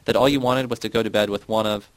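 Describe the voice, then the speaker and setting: A man's voice: fairly low pitch, fairly even intonation, quick pace, no room sound, close to an everyday voice, rough recording. A man voicing a bitter young woman who speaks coldly and accuses sharply. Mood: scornful. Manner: shouting, cutting.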